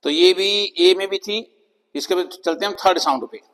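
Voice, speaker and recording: A man with a Hindi accent teaching English pronunciation, slowly spelling out letters and repeating example words one by one. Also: high voice, fairly bright tone. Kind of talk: classroom-style pronunciation lesson. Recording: long reverb of a hall-like room.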